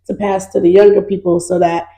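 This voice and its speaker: A middle-aged woman from North Carolina, chatting lively and easily as an interview guest. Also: on the low side, fairly quick, poor audio. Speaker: guest, nonprofit founder. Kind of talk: casual interview chat.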